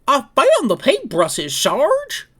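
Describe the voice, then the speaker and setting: A woman voicing a dim-witted, cheerful young male soldier in a high, loud, slowed goofy voice. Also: wildly swooping pitch, heavily acted.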